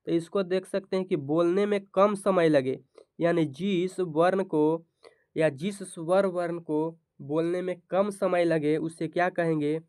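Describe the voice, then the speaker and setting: A man's voice: a little high, fairly even intonation, unhurried, a little mellow, clean tone, no room sound, clean studio sound. A male teacher gives a grammar lesson to board exam students, asking each question aloud and answering it himself.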